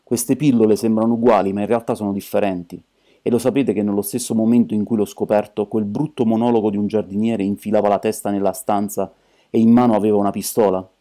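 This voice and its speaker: A brash, impetuous detective friend, loud and quick to act, as a man reads him. The voice is low and dark-toned. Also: close to an everyday voice. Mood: excited. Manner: loud, impulsive, excitable. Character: impetuous burly male ex-thief detective friend.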